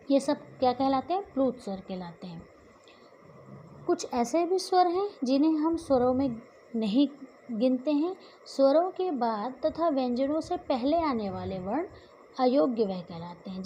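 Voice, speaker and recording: A woman's voice: high voice, dark tone, a little hiss or hum, rough recording. A woman teacher giving a grammar lesson, asking questions and answering them herself and drawing out the example sounds.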